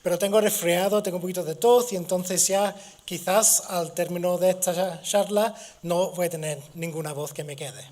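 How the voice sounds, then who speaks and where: Hoarse with a cold, this native English-speaking guest lecturer, a middle-aged man from Gibraltar, stumbles through a university talk with restarts and fillers. His voice is high and a little mellow.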